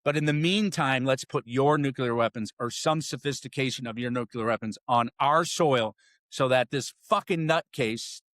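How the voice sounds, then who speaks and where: A man's voice: medium pitch, moderate pace, fairly bright tone, no echo, clean studio sound. A man hosting a political podcast, ranting with angry, sarcastic, profane commentary. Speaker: podcast host.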